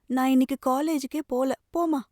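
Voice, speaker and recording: A woman reading the part of a young college girl, a tearful younger sister speaking softly and plaintively. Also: fairly high pitch, steady tone, moderate pace, no room sound, clean studio sound, natural voice. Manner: soft, plaintive.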